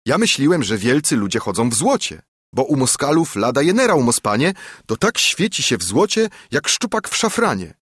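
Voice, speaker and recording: A man voicing an excitable, boastful country nobleman, pushed higher than his usual voice. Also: moderate pace, breathy edge, no room sound, clean studio sound. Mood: excited.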